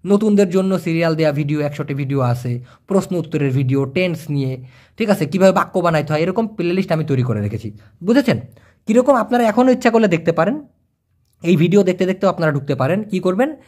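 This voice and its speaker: A man teaching a casual video lesson, explaining slowly, repeating words and checking that viewers follow. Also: high voice, animated, a little mellow. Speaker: language teacher.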